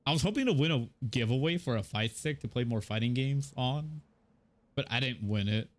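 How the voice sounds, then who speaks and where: Streaming a game, a Mexican man in his twenties talks casually at a normal pace, with a medium-pitched voice and lively intonation. There's some hesitancy in his chatter.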